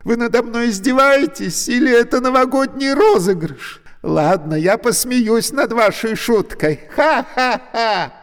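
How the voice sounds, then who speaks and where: A man voicing a panicky woman trapped in a lift, shrill, loud and frantic. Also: a little slow, few pauses, big-room sound.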